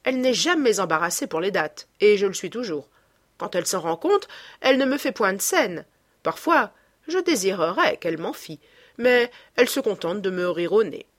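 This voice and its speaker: A woman's voice: mid-range voice, expressive, normal speed, no echo, studio quality, natural voice. A woman reading aloud as a cynical, witty young aristocrat who talks with playful irony. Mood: ironic. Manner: ironic, playful.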